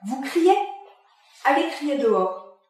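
A woman's voice: high-pitched, animated, slow pace, darkish tone, a little hiss or hum. Woman reading as a combative office director, curt and taunting, distant in a roomy space. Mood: defiant. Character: brusque female office director, combative, mocking. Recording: echoey room, voice from far off.

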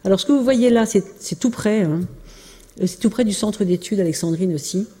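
Presenting her family archives in a casual illustrated lecture, a woman stumbles along with frequent fillers and restarts. She talks a little fast, her medium-pitched voice dark and slightly rough, and the hall adds a long reverb.

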